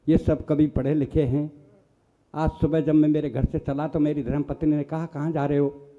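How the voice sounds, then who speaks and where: A man's voice: fairly high pitch, level tone, normal speed, phone-quality sound. An older man, a comic poet telling self-mocking village stories on stage. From Rajasthan.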